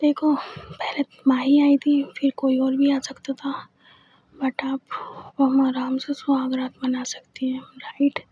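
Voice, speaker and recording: A woman's voice: high-pitched, monotone, slow, mellow, husky, muffled recording, exaggerated voice. A woman voicing a teasing young wife, a famous singer, often half-whispering her lines. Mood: soft teasing.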